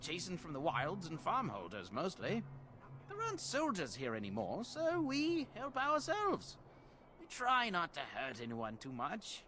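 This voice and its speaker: A high, smug bandit boss. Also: male voice, wildly swooping pitch, a little slow, sharp tone, exaggerated voice. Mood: groveling. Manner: sly, sarcastic, then groveling. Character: smug bandit leader running a fake toll.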